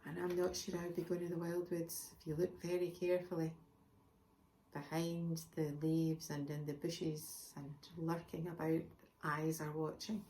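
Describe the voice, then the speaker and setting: A woman, the author, reading her picture book aloud to children, expressive and chatty with asides to her listeners. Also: low voice, normal speed, a little hiss or hum. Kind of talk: children's storybook read-aloud.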